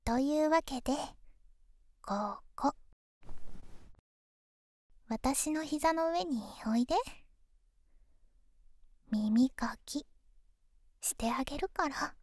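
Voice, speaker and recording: A woman voicing an affectionate, teasing young girlfriend in an ASMR ASMR role-play, soft and coaxing, intimate pillow talk. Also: sits high, slow, long pauses, no room sound.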